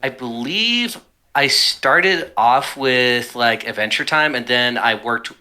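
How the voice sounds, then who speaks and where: A young man talks through his thoughts in a loose, meandering way, circling back and restarting often. His voice is very bright and forward. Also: medium pitch, expressive, takes it slowly, clear, resonant tone. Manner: rambling, many fillers and restarts. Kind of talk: casual chat.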